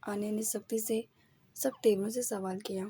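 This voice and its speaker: Woman reading a romance novel, warm husky voice, kinda high. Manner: steady storytelling delivery. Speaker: audio novel narrator.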